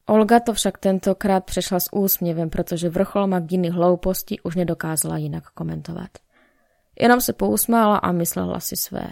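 A woman reading a story aloud in a calm, wry manner, voicing the characters' dialogue herself. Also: on the low side, creaky, no echo, studio quality. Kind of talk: audiobook narration with dialogue.

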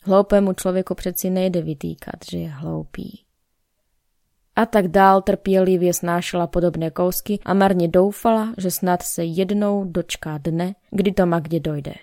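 Low-voiced woman narrating a wry story. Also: no echo, clean studio sound. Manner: calm, wry storytelling, voicing both friends in dialogue. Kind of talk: audiobook narration with dialogue.

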